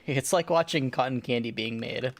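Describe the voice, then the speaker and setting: Man, game master, tabletop role-playing narration, halting descriptive storytelling. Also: mid-range voice.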